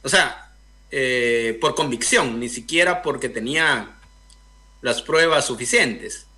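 A young man from Guatemala, a filmmaker guest in a radio interview, speaking thoughtfully with many pauses and fillers over a video call. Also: medium pitch, sharp tone. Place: indoor room, video call.

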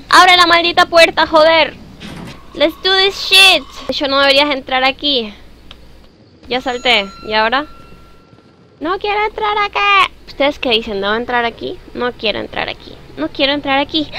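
Young woman streamer, high and bright, nervous live horror-game commentary. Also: a little hiss or hum. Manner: jittery, scared, talks to her viewers and greets them by name. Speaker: gaming streamer.

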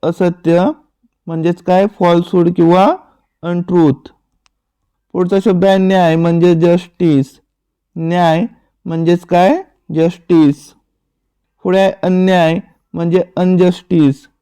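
A man teaching vocabulary in a slow, repetitive drill, saying each word, asking its meaning, then answering it himself. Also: high voice, level tone, warm tone, smooth, dry recording.

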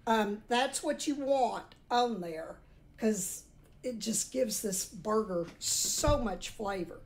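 She's a woman from the southern United States with a mid-range voice, talking slowly and chattily as she shows recipes in her home kitchen. The casual tutorial is a home video with a bit of kitchen noise in the background.

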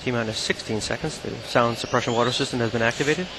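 A man's voice: medium pitch, fast talker. A man formally announcing a live rocket launch countdown. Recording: very noisy outdoor launch broadcast.

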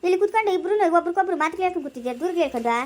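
A woman playing a quarrelsome older village woman who shouts sharp, rapid accusations in a homemade family drama. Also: sits high, close to an everyday voice. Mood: angry scolding.

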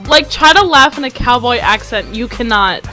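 A woman in a casual gaming chat, giggly and excitable. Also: fairly high pitch, moderate pace, over music.

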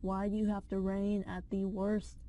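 A woman's voice: mid-range voice, completely flat delivery, normal speed, dark tone. A woman with a Texan accent reads a fan video script from her phone, tripping over words and mocking herself through outtakes. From Texas. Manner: stumbling, self-mocking, grumbling. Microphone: headset mic.

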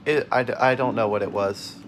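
As a let's play host, a young man casually commentates on a video game, getting excitable and yelping and laughing at his own mishaps. His pitch is medium and he talks fairly quickly, with background noise present.

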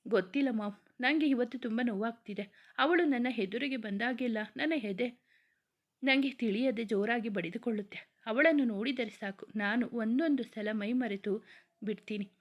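A troubled young college man speaks sullenly, weighed down by guilt, as a woman reads him aloud. The voice is fairly high. The recording is dull. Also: normal speed, close to an everyday voice. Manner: sullen, withdrawn.

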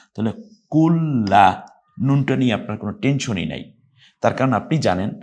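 A man teaching Quran recitation who spells out syllables letter by letter and breaks into long, drawn-out chanted words between his explanations. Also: on the low side. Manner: spells syllables letter by letter and repeats them patiently. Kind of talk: explaining Arabic letters and pronunciation rules in a recorded lesson.

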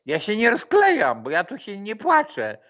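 A man's voice: sits high, wildly swooping pitch, normal speed, lo-fi sound. A man hosting a casual livestream, mocking and taunting with frequent swearing and laughter. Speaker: livestream host.

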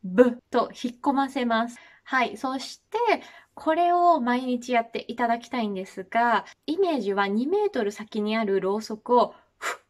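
A woman in her thirties from Japan teaches English pronunciation in a video lesson. Her voice sits slightly high, and she explains things step by step in a polite, encouraging way, showing each sound as she goes. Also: animated, normal speed. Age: 30s.

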